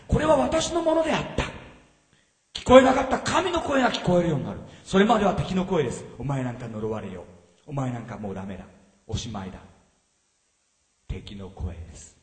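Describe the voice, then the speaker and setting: A man preaching a sermon as pastor, animated and often asking the congregation questions. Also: high voice. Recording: roomy hall reverb, from a distance.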